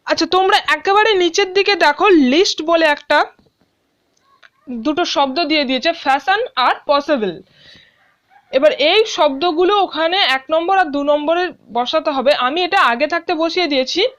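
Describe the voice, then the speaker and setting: A woman's voice: high-pitched, moderate pace, fairly bright tone. A woman teacher explaining a school English lesson to students, asking questions and then answering them patiently. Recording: dull lo-fi sound.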